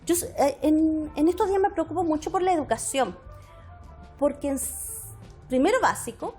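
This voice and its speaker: High-voiced woman in her fifties. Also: moderate pace, soft background music. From Chile. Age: 50s. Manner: warm reflective storytelling, frequent hesitations. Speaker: member of parliament, guest. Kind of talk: conversational interview.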